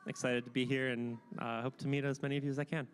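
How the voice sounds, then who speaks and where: A man's voice: mid-range voice, flat delivery, quick pace. Hesitant man introducing himself. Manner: friendly, hesitant, with fillers.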